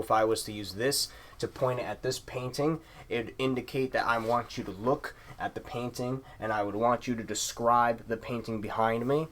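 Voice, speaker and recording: Lower-voiced man giving a formal lesson. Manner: measured, formal, repetitive phrasing. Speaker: teacher. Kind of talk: explanatory lesson monologue.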